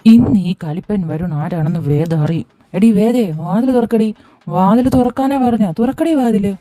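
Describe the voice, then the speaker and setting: A woman voicing a drunken, bossy husband who shouts orders at his wife in a fan audio drama. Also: on the low side, a little slow, no room sound. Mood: drunk, belligerent. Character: drunken blustering husband, adult man.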